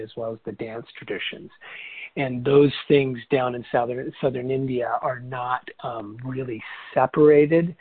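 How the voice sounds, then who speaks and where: A man in his late forties, a yoga teacher and doctor, answering interview questions in a reflective, halting way with many restarts. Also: mid-range voice, no echo. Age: 40s. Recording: dry, tinny phone line.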